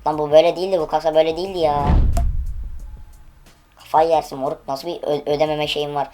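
A woman with a low, dark-pitched voice comments live on an online gaming stream. She is impatient and swears freely, pleading with the game for a good drop. Faint music plays quietly underneath. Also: flat delivery, quick pace. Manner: impatient, profane, urging the game aloud. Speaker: online case-opening streamer.

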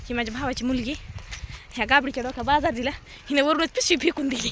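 Woman vlogger, Marathwada Marathi accent, quick teasing scolding banter, noisy outdoor street phone recording. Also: sits high, a bit bright. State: tired from carrying a heavy bag. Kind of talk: casual vlog chat while walking. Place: outdoors on a road on market day.

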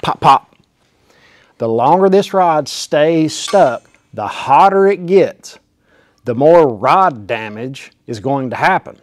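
Slow-paced and fairly high-pitched with lively intonation, a man in his forties teaches welding in a small indoor workshop. He talks folksily and emphatically while demonstrating the work, and his clip-on lapel mic gives a dry recording.

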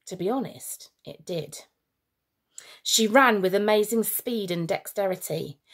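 A woman teacher reading a children's story aloud with expressive storytelling. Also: medium pitch.

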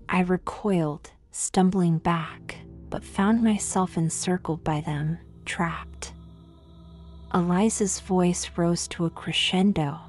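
A woman giving scripted horror narration, slow and grave. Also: on the low side, darkish tone.

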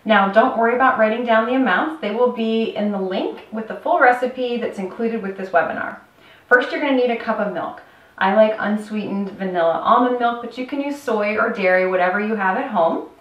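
Speaking directly to the viewer, a thirty-something woman who works as a health coach walks through a recipe step by step in her home kitchen, cheerful and instructive. The voice is a little high and a little fast, and the lo-fi audio comes from a camera mic set at a distance in a roomy space.

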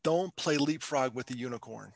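A man's voice: medium pitch, moderate pace, creaky, no room sound. An older man, a motivational speaker, telling candid stories and joking with frequent laughs in a casual podcast interview. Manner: jokey, laughs often, candid storytelling.

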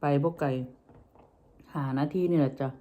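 A woman's voice: low-pitched, fairly even intonation, normal speed, slight background noise. A woman with an Isan, northeastern Thai accent, chatting casually and folksily to her viewers in a homely vlog manner. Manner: folksy, addresses listeners with frequent soft polite particles. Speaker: vlogger. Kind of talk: casual chat to viewers while eating.

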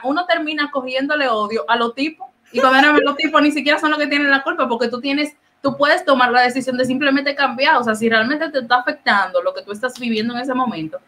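A woman with a Dominican accent talks in a relaxed podcast chat. Her voice is bright and somewhat high. She slips into other people's voices when she quotes them. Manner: animated, acts out quoted dialogue. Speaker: podcast co-host. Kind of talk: casual chat.

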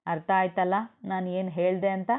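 A woman's voice: on the low side, completely flat delivery, normal speed, close to an everyday voice. A woman voicing a protective young man, a stern older brother who speaks bluntly and commandingly. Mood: threatening. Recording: tinny phone-like audio.

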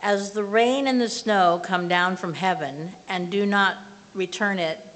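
Slow earnest older woman in church hall. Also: mid-range voice. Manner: earnest, plainspoken, with slow measured phrasing. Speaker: lay speaker giving a testimony. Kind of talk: personal testimony and prayer in a church service. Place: small church sanctuary, at a pulpit. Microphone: far camera from the back of the room. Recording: reverberant church hall with faint hiss.

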